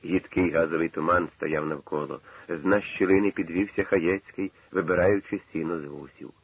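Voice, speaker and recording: A man with a deep, husky voice reads a novel aloud in a measured, dramatic way. The recording is dry and tinny, with the narrow sound of an old radio broadcast. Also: steady tone, no room sound. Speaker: narrator. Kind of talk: dramatic literary reading.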